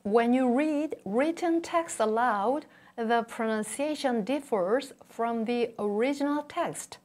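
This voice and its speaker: A middle-aged woman with a fairly high, slightly mellow voice leads a scripted language lesson at a very slow pace. Like a teacher modelling pronunciation, she enunciates every item with care and repeats the model words.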